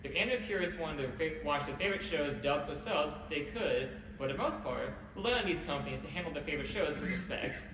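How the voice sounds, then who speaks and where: Fast-talking man presenting in an echoey hall. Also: a little high, animated. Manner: brisk, wry, occasional self-corrections. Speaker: convention panel host. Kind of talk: presenting a history talk. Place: convention panel room. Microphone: camera at a distance. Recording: echoey hall, distant camera, background hum.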